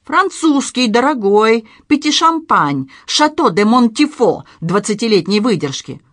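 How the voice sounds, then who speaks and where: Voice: mid-range voice, animated, normal speed, fairly bright tone, no echo, clean studio sound, natural voice. A narrator doing an indignant, scolding head waiter. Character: irritable male head waiter, fussy and scornful. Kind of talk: audiobook character reading.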